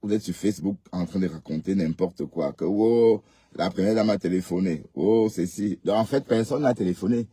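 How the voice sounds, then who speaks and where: A man's voice: sits low, moderate pace, warm tone, breathy edge, no room sound. A man hosting a casual live stream, reading comments and scolding viewers with rhetorical questions.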